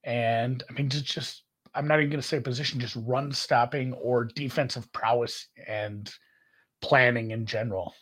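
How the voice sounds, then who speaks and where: Man, Minnesotan accent, husky, rambling sports podcast chat, lots of "like". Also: mid-range voice, moderate pace. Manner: rambling, filler-heavy, animated. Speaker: podcast co-host.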